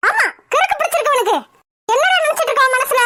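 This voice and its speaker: Woman doing a shrill scolding cartoon mother. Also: lively intonation, quick pace, bright, forceful tone, slight background noise, full character voice. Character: older mother, scolding and protective. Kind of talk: Tamil cartoon voice acting.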